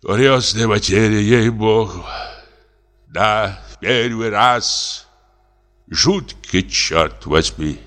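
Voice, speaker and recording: A man voicing a drunk, frightened old comic actor in his late fifties, speaking in a slow, trembling, self-pitying lament. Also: lowish voice, fairly bright tone, long reverb tail. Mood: gloomy. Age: older. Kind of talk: audiobook character reading.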